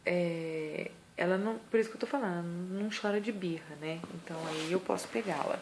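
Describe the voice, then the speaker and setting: A Brazilian mother with a Brazilian Portuguese accent gives parenting advice in a casual vlog, earnest and emphatic, acting out scolding lines. Her voice is on the low side, brisk, and a little mellow, with slight hiss or hum.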